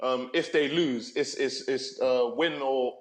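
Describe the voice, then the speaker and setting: In casual basketball chat on a sports talk show, a man argues his case loosely, trailing off and restarting with lots of fillers as he tells it like a story. His mid-range voice keeps fairly even intonation at a measured pace in an echoey room.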